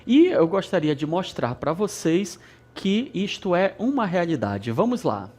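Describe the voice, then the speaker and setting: In a studio-recorded lesson, this English teacher from Brazil, whose Brazilian Portuguese accent is from Amazonas, speaks in a medium-pitched, darkish voice. She is very animated but unhurried, repeating important words and asking "ok?" along the way.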